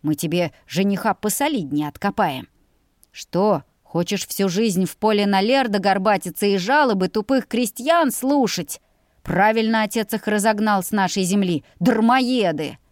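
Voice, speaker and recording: A woman's voice: medium pitch, normal speed, no room sound, studio quality, natural voice. A woman voicing a crude, greedy teenage older brother who sneers and threatens. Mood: scornful. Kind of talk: audiobook character voice.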